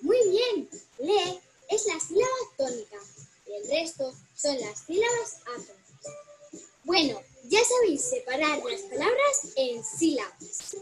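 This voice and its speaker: Spain-accented woman narrating for kids: very high, lively, unhurried, faint music under. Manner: slow, sing-song, stretching words syllable by syllable. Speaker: narrator of a children's educational video. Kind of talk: cheerful scripted narration for children. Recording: video played over a call with faint music.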